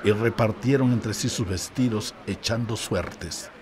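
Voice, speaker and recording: Man, scripture reading, steady delivery, low voice, outdoor street noise. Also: measured pace.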